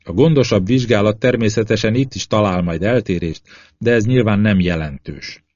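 A man's voice: lowish voice, a little mellow, lightly acted. A man voicing an earnest male astronaut who explains things in an audiobook. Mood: explaining. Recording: slightly dull lo-fi audio.

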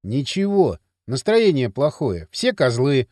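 A sulky, sarcastic teenage boy, as an audiobook reader plays him, with a lively, up-and-down delivery. He talks bluntly and scoffs easily, recorded close and dry. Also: mid-range voice, slow pace, no echo. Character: grumpy restless teenage boy Kirill. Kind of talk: audiobook character reading.

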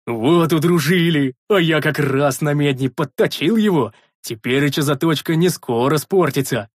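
A man voicing a burly, loud male warrior in an audiobook, bellowing and gruff, with a husky voice. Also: fairly high pitch, moderate pace, no room sound, studio quality. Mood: delighted. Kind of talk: audiobook character voice.

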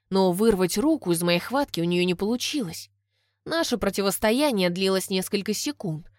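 A woman reading a first-person story aloud in an expressive manner. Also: mid-range voice, no echo, clean studio sound. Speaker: audiobook narrator. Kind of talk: scripted first-person narration.

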